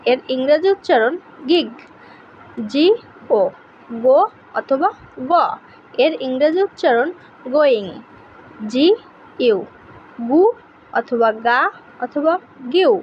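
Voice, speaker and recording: A woman teaching a pronunciation lesson, reading out letter pairs and example words one by one in a slow, deliberate way. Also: high-pitched, highs cut off, slight background noise.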